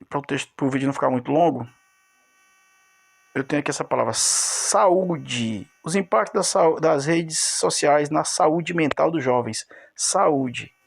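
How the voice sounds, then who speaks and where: A man's voice: fairly high pitch, creaky. A man teaching a recorded video lesson, explaining step by step, repeating key words and addressing his students directly.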